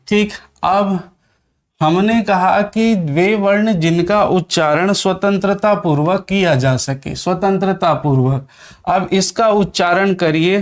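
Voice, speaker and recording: Male grammar teacher, fairly high voice, slow measured delivery, dictating and repeating for students. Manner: asks the class questions and answers them. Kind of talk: Hindi grammar lesson.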